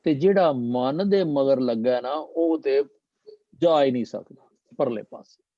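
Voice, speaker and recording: A man teaching and explaining scripture in a slow, deliberate manner, slipping English phrases into his talk. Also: mid-range voice, no echo, muffled recording. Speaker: Gurbani teacher.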